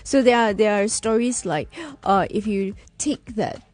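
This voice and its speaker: A woman's voice: mid-range voice, unhurried, a little mellow. A woman psychologist, explaining and telling case stories as a regular guest in a radio studio.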